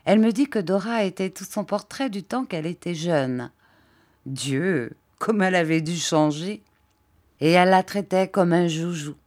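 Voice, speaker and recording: A woman with a fairly low voice reads a classic novel aloud. Her narration is measured and steady, in first person, with calm even pacing. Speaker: audiobook reader. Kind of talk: literary audiobook narration.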